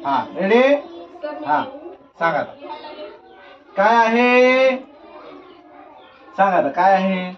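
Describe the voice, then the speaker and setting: A woman teacher running an alphabet quiz with a class of young children, giving brisk commands and telling them to speak up. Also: medium pitch, lively intonation, soft background music. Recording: dull lo-fi recording in a noisy classroom. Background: children chattering.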